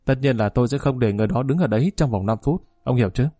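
A man's voice: medium pitch, racing, mellow, dry recording, studio quality, close to an everyday voice. A man voicing a shrewd, bullying middle-aged male security chief who talks bluntly and gives orders. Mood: scheming.

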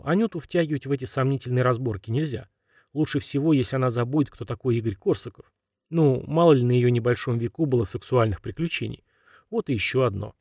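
A man's voice: mid-range voice, darkish tone, no echo. Man reading an audiobook, dry close sound. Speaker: audiobook narrator. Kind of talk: scripted narration of a crime novel.

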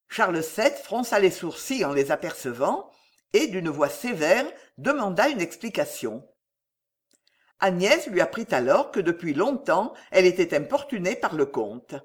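A narrator reads a historical tale aloud in a dramatic, expressive manner. The pitch swings widely while it stays at a middle height. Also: slightly rough. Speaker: audiobook narrator.

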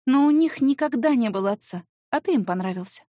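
A woman voicing a flustered, defensive young secretary who pleads and exclaims in a high, shrill voice. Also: animated, brisk, dark tone, no room sound, clean studio sound, natural voice. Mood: quiet, earnest.

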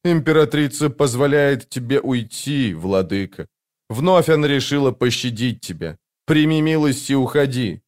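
A man putting on a deep, soft-spoken giant demon. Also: lively intonation, close to an everyday voice. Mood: reasoning. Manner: slow, reasoning delivery. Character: huge hooded male demon, calm and menacing. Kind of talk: audiobook character voice.

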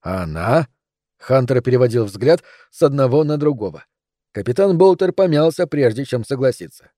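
A man narrating an audiobook novel in an even, storytelling manner. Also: mid-range voice, fairly quick, no echo, clean studio sound. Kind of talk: scripted narration.

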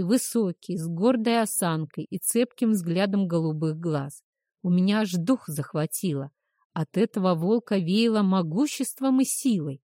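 A woman's voice: lowish voice, mellow, no echo, clean studio sound. A woman narrating a first-person story expressively, rising on anxious questions. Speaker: audiobook narrator.

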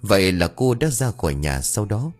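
A male storyteller narrates a dark folk tale with dramatic expression. His voice is fairly low but rises and falls a great deal, and faint music plays beneath it. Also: sing-song, normal speed.

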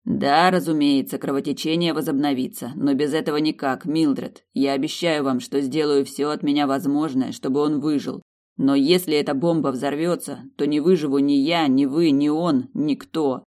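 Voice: medium pitch, steady tone, normal speed, darkish tone, close to an everyday voice. A reader voicing a stern vampire man who gives firm orders and curses under pressure. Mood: strained command.

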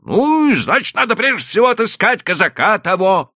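A man voicing a desperate, hot-tempered male landowner who pleads and exclaims loudly in an audiobook. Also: high voice, sing-song, normal speed, no room sound, studio quality, pitched above the performer's own voice, heavily acted. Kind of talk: audiobook character voice.

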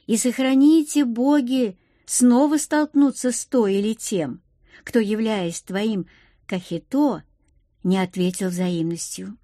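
Woman voicing a calm young female friend. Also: on the high side, slow pace, no room sound, studio quality. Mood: explaining. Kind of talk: audiobook reading.

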